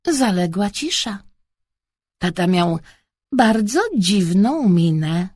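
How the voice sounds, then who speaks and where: A woman narrating a children's audiobook story in an expressive, measured way. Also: medium pitch, slightly rough, dry recording, clean studio sound.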